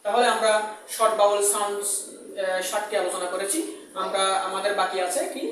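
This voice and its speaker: A woman's voice: mid-range voice, steady tone, brisk, a bit bright, heavy reverb, distant mic, slight background noise, rough recording. A woman teaching English pronunciation in a classroom style, repeating example words and asking and answering her own questions.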